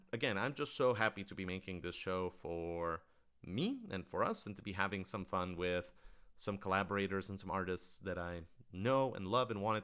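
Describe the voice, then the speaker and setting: This writer-director has a low, clean, fairly bright voice as he fields audience questions on a Q&A livestream. His manner is casual yet earnest, and his enthusiasm often carries him off into rambling tangents.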